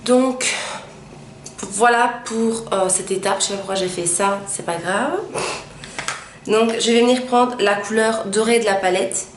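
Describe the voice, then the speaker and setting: A woman's voice: mid-range voice, unhurried. Chatty young woman, echoey room. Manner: chatty, frequent hesitations, step-by-step explaining. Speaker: makeup tutorial host. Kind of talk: casual makeup tutorial narration. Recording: echoey room with faint ambient noise.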